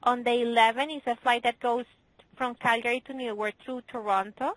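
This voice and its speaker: A woman handles a customer service call as an airline agent. Her voice sits a little high, and she talks in the procedural way of a call center. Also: fairly even intonation, fairly quick, a bit bright, no room sound, low-quality recording. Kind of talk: customer service phone conversation.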